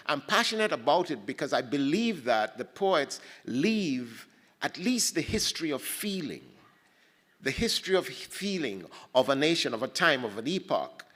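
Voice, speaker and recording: A man's voice: fairly high pitch, sharp tone. A man from Ghana speaking on a panel at a poetry festival, thinking aloud with frequent restarts and repeated words. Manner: halting, many restarts, thoughtful. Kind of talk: reflective panel talk. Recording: long hall reverb.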